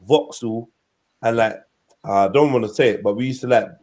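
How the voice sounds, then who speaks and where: A man's voice: medium pitch, normal speed, a little mellow. A man with an urban London roadman accent, telling anecdotes casually in street slang with frequent tag questions. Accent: London, urban multicultural street. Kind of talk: casual anecdotal chat on a live show.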